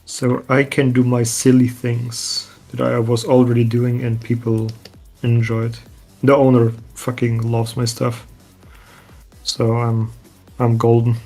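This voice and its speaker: Flat, gravelly male artist, dry humor. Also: mid-range voice, slow, faint music behind. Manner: dry, offhand teasing. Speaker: guest creature artist. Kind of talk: casual chat on a live stream.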